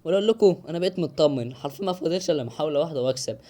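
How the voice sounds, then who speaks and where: A man's voice: fairly high pitch, lively intonation, rapid-fire, mellow. A young man with an Egyptian Arabic accent giving live gameplay commentary, exclaiming and joking to his viewers. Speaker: gaming YouTuber.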